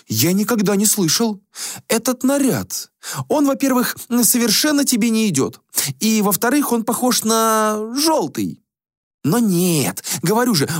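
A vain, flippant young prince, as a man puts him on in a storybook reading, drawling his scorn in a high, lilting voice. He sounds affected and mocking, swooping up and down. Dry, close sound. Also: no room sound, heavily acted.

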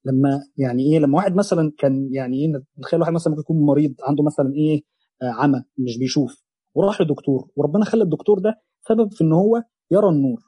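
A young Egyptian-accented man teaches a Quran chapter, explaining in a rapid, slightly raised voice. His tone is mellow and husky, and the recording is dry and close. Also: a little high, dry recording. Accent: Egyptian Arabic. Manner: fast colloquial explanation mixed with quoted verses. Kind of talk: religious lesson on a Quran chapter.

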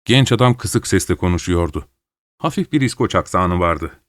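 Male audiobook narrator, low voice, dry booth sound. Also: moderate pace, dry recording. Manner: raises pitch for dialogue, steady narration between. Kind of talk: scripted narration of a novel, voicing all characters.

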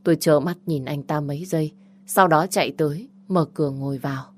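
A young woman narrating a first-person audio story in a calm, steady way. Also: sits low, fairly quick.

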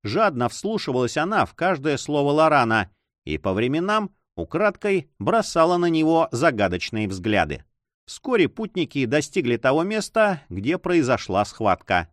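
Male audiobook narrator, measured reading, lots of pitch movement, dry close sound. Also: sing-song, dry recording. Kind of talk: scripted narration.

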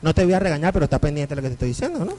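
Animated Venezuelan priest lecturing. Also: male voice, fairly high pitch, very fast, poor audio. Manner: animated storyteller, acts out quoted voices. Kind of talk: lecture to a parish group.

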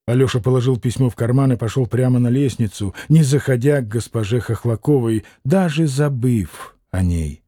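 A man's voice: mid-range voice, normal speed, few pauses, warm tone, no room sound, studio quality. A man narrating a classic novel as an audiobook, reading steadily.

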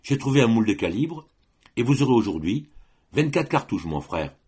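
Male reader playing a resolute young sister, soft and husky, pitched a bit high. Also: big pitch swings, moderate pace. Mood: firm gentle. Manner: gentle but firm. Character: young woman, grave and fiercely determined sister.

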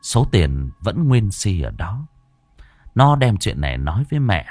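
A male storyteller narrates a ghost story with ominous drama. His voice sits fairly low yet swings widely in pitch, recorded dry and close with no room sound. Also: big pitch swings, unhurried, a little mellow, no echo.

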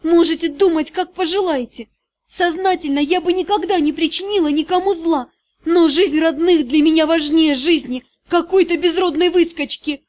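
A woman reading an audiobook, voicing a desperate, proud sixteen-year-old girl in a shrill, shaky voice. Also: normal speed, a little mellow. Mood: defiant.

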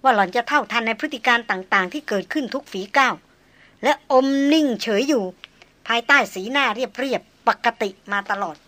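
A woman narrating a novel audiobook in a measured, even storytelling manner. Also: fairly high pitch.

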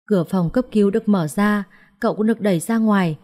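A woman storyteller and host narrating a scripted romance story in a steady, emotive way. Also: medium pitch, fast.

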